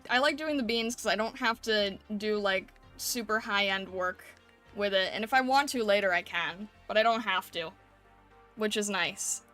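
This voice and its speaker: A woman's voice: medium pitch, fairly bright tone. A woman livestreamer talking casually and conversationally with her viewers, often seeking agreement with tag questions. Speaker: streamer hosting an art livestream. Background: background music.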